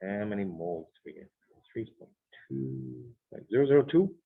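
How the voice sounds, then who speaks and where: A man's voice: low voice, big pitch swings, normal speed, husky. A man teaching a chemistry class, working problems aloud and quizzing his students in a chatty, thinking-aloud way. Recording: tinny phone-like classroom recording.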